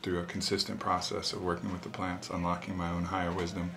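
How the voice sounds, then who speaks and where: A man in his thirties speaks casually and reflectively, in an earnest, philosophical way, with a low, gravelly voice and a quick pace. He is an interviewee and show host, recorded in a small sauna where the room echoes and a steady background noise runs throughout.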